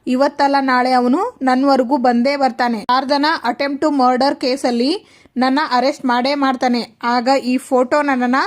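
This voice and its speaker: A woman reading a scheming high-voiced mother. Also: level tone, measured pace. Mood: confiding. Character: scheming middle-aged mother, unrepentant plotter.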